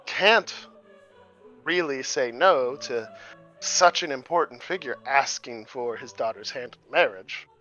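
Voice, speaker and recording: A man's voice: mid-range voice, lively intonation, unhurried, pushed and bright, soft background music. A man voicing a scheming adult prince who talks in a formal, wry, persuasive way, on a muffled lo-fi recording. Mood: sly. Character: scheming adult male prince, smooth and commanding. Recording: muffled lo-fi audio.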